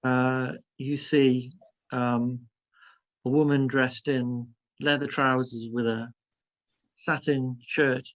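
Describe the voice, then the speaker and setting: A man's voice: mid-range voice, little pitch movement, takes it slowly, muffled recording. A man running a tabletop role-playing game as game master, narrating it in a hesitant, piecemeal way.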